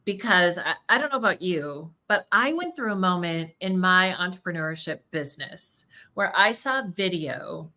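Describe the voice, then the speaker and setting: Bright, enthusiastic woman interviewer. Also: lowish voice, lively intonation. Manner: enthusiastic, playful, quick exclamations. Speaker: podcast host. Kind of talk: live podcast interview.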